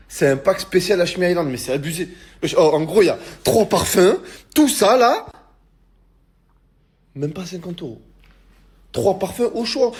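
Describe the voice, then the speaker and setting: A man reading a sponsor promotion in a hyped, slangy way, talking straight to his viewers. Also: a little high. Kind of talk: promotional ad read.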